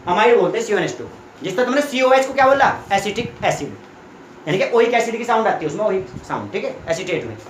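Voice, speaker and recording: A man's voice: sits high, big pitch swings, fast talker, slight background noise. Young man, classroom tutor, repetitive check-ins, echoey room recording. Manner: repetitive, keeps checking students follow. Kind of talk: classroom lesson explaining chemistry. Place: small classroom with students.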